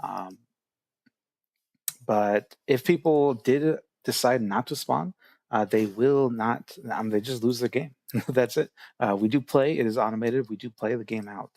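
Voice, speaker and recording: A man's voice: mid-range voice, unhurried, a little mellow, dry recording. A man casting an online strategy game tournament, explaining rules with many fillers. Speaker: tournament organizer and caster. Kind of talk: casual game commentary.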